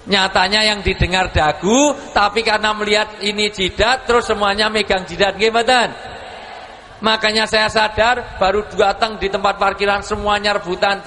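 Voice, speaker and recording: Javanese accent preacher guy, playful, bright sharp voice, echoey hall with faint crowd noise. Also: sits high. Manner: playful, teasing the audience with call-and-response; mixes Indonesian and Javanese. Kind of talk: lively religious lecture to a village crowd. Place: large venue with live audience, amplified PA.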